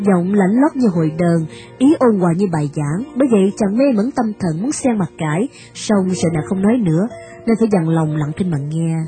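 A woman reading a classic novel aloud in a steady, measured storytelling manner. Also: mid-range voice. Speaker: narrator. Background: faint music.

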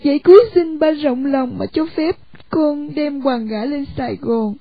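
A dutiful young widow, read by a woman in a storybook, earnest, gentle and tearful. Her high voice has a gravelly edge, recorded dry and dull. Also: moderate pace, no echo. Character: young grieving wife and mother, dutiful and gentle.

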